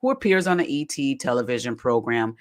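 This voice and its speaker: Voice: mid-range voice, animated, brisk. A podcast host giving casual commentary while reading aloud from a web page, chatty and folksy, often stumbling over the words.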